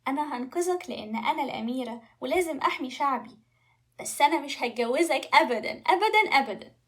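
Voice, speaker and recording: A woman's voice: sits high, fast, fairly bright tone. A woman with an Egyptian Arabic accent voicing a clever, brave young princess in a children's story. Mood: coaxing. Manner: sweet and coaxing, then firm.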